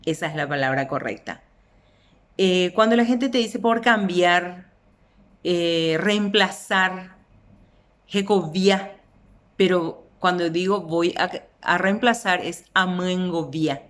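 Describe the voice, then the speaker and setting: Slow, deliberate Paraguayan teacher woman. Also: on the low side. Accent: Paraguayan Spanish. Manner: slow, deliberate, stretches out example words. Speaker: language teacher. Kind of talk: explanatory lesson.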